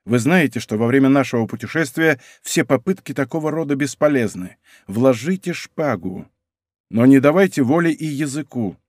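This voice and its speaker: Audiobook role: man reading a stern young nobleman, low-key, icy, measured, dry sound. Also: dry recording, close to an everyday voice. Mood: cold. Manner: calm, cold, measured speech. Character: cool, honorable young viscount, controlled and stern. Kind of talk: audiobook character voice.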